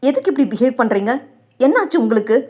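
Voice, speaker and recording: A woman voicing a patient young wife who speaks gently but firmly in an audio novel. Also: on the high side, sing-song, fast talker. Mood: gentle. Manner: patient, pleading softly.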